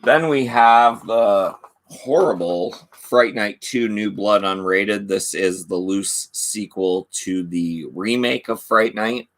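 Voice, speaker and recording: On his casual video channel, a man reads aloud from DVD cases and discusses his collection, admitting he's losing his voice. His comments stay low-key and offhand, delivered at a slow pace.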